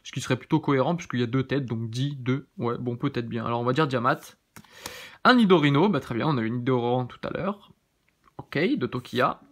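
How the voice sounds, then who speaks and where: A man in a casual, easygoing commentary, talking through each card as he turns it over at a middling pitch. He muses aloud, hesitates over names and corrects himself with plenty of fillers. The tone stays relaxed and conversational throughout. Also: fairly quick. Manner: thinks aloud, often unsure of names; relaxed, chatty, many fillers. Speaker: YouTube channel host.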